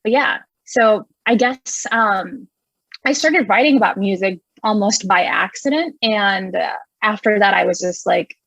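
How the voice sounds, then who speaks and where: A young woman with a mid-range voice that's creaky and a bit bright speaks at a measured pace. She's an Indonesia-raised music writer appearing as a guest in a casual interview, chatty and enthusiastic with many fillers and laughs. The recording is dry and low-quality.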